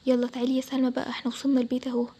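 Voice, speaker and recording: A woman's voice: sits high, completely flat delivery, very fast, slightly rough. Woman voicing a daring young Egyptian boy. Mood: bold. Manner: confident, reassuring, hushed at times. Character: bold young boy Adam, daring treasure hunter.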